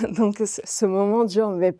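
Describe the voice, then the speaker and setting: A woman in her thirties, an interview guest telling a personal anecdote in a lively way and acting out the dialogue of the people in it. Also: mid-range voice, slow pace, no echo, studio quality.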